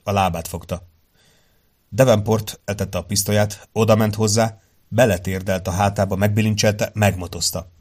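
A man reading a crime novel aloud in a measured way, acting out the dialogue. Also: fairly low pitch. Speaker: audiobook reader. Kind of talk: scripted narration of a crime novel.

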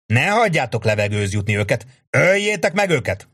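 A man's voice: mid-range voice, big pitch swings, fairly bright tone, dry recording, clean studio sound, pitched above the performer's own voice. A man voicing a fierce male army officer who barks battlefield orders in a storybook reading. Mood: barking orders.

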